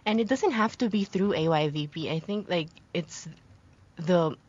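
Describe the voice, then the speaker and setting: Low-voiced Filipino woman in a radio studio. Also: moderate pace, a little mellow, husky. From the Philippines. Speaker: guest, volunteer program officer. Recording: slightly dull lo-fi studio audio.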